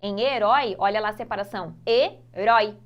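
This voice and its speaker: A Brazilian woman teaching a Portuguese grammar lesson for exam prep, explaining patiently, repeating key points and drawing out example words slowly. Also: sits high, lively intonation, muffled recording. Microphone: phone.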